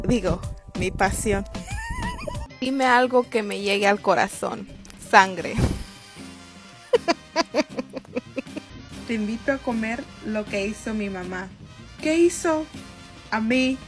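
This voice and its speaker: A woman, a YouTuber reading memes aloud in playful voices and breaking into loud, high laughter. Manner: bursts into loud, high laughter between lines; reads chat lines in playful voices.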